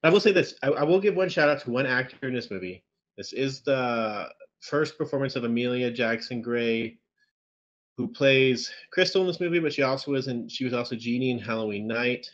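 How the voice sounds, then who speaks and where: A man with an average pitch trades dry, sarcastic remarks during a casual film review chat. His voice comes through a video call with slightly muffled sound. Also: fairly quick. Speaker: podcast co-host reviewing films.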